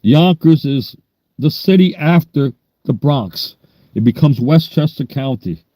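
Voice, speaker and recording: A man's voice: fairly high pitch, expressive, unhurried, dark tone, no echo. A man, chatting bluntly and rambling on a livestream. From New York. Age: 60s. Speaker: livestream host. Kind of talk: casual livestream chat.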